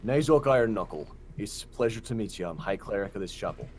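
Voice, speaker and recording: A man voicing a solemn middle-aged dwarf high cleric who speaks in a grave, measured way. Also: animated, slight background noise, lightly acted. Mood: formal.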